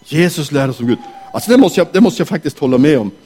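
A man telling a Bible story to children in character, animated and asking them questions. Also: a little high, husky. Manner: animated, asks the audience questions. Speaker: children's talk leader.

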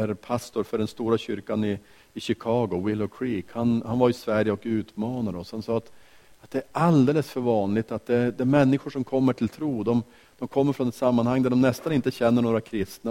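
A man preaching a sermon, earnest, with rhetorical questions and slow, emphatic repetitions. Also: mid-range voice, dark tone. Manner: frequent small restarts. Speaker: pastor.

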